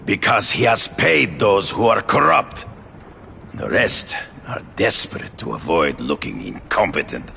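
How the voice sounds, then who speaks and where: An actor playing a proud hunter turned vigilante in a video game, with a grandiose, hammy stage-actor delivery. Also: male voice, sits low, gravelly, bright, forceful tone, slight background noise, full character voice.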